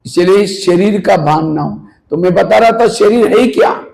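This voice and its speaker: With a high, gravelly, slightly mellow voice and a somewhat slow delivery, a male spiritual teacher addresses a live audience in a meditation hall. He is earnest, poses many rhetorical questions and occasionally scolds sleepy listeners, on a low-quality recording.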